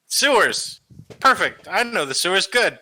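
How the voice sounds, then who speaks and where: Guy doing an excitable dim little villain for a tabletop game, high voice, super bright, eager as a kid. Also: a little slow, full character voice, rough recording. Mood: eager, gleeful. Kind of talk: tabletop role-play banter.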